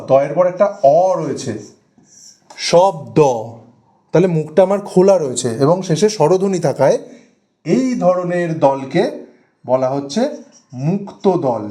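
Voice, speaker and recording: A man teaching a grammar lesson for exam preparation, speaking slowly and deliberately, repeating and stretching out example words, with a West Bengal Bengali accent. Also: sits high, dark tone.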